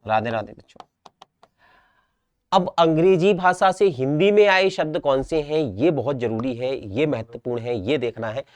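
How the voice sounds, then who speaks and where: A young Indian man with a Rajasthan Hindi accent teaches an exam-prep class, drilling each word through repetition and checking that students understand. His voice is fairly high and animated, at a normal pace, with no echo.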